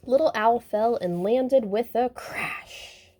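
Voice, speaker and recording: A woman reading a children's picture book aloud, gentle and expressive. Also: a little high, takes it slowly, a little hiss or hum. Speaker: storybook reader. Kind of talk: children's story read-aloud.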